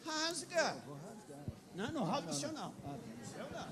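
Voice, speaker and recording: A pastor preaches with passion, piling rhetorical question on question. His voice sits remarkably high for a man. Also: big pitch swings, racing, crowd noise. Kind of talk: sermon.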